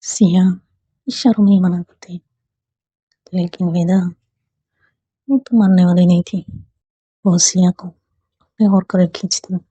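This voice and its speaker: A woman reads a romance story aloud in a calm, gentle way, her voice husky and mellow. She takes her time, speaking slowly. The recording is dry and slightly muffled. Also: on the low side, no echo.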